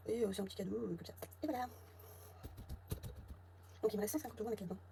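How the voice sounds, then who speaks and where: A budget vlogger with a southern French accent, originally from the south of France, rattles off sums under her breath as she counts envelopes at home. Her mid-range voice is warm and rapid-fire. Background noise with clicks comes through clearly.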